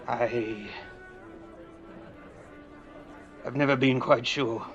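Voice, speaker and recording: An actor playing Ebenezer Scrooge, a bitter man facing his regrets, answering tersely and haltingly in an audio play. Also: mid-range voice, fairly even intonation, dull audio, faint music behind, close to an everyday voice. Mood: regretful.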